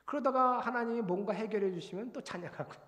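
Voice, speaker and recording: Animated male pastor in a reverberant church. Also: high voice, fast talker. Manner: animated, confessional storytelling with exclamations. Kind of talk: sermon. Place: church sanctuary. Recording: long hall reverb.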